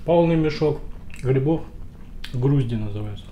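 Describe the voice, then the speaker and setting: A man's voice: medium pitch, lively intonation, moderate pace, warm tone, highs cut off. A man hosting a mukbang, chatting in a homely, storytelling way while talking with his mouth full. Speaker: mukbang host. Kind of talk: casual chat while eating. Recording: echoey room with faint noise.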